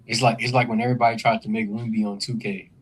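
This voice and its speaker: A man's voice: on the low side, level tone, fast talker, a crowd in the background. Slangy joking male podcast host. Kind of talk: casual sports chat.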